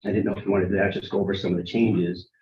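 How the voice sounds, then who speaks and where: A man, a town recreation director, presents his budget at a council workshop, talking haltingly with many ums and restarts. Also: sits low, flat delivery, slight background noise. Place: town meeting room. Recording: echoey meeting room, muffled sound.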